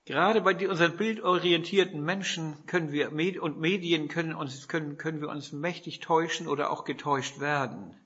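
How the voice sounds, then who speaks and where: A man's voice: on the high side, fairly quick, few pauses, fairly bright tone, breathy edge, dull audio. A man from northern Germany preaching a sermon, telling stories with rhetorical questions and quoted dialogue.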